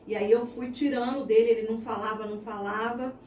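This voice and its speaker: A woman in her thirties with a Brazilian Portuguese accent shares a heartfelt faith testimony as an interview guest, telling her story earnestly. Her voice is slightly high, steady and brisk with a darkish tone, captured on a distant mic in an echoey room with faint noise.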